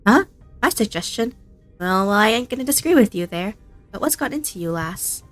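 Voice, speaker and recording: Woman doing a gruff folksy young man. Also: medium pitch, animated, moderate pace, faint music behind, lightly acted. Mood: surprised. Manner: rough, folksy, blunt.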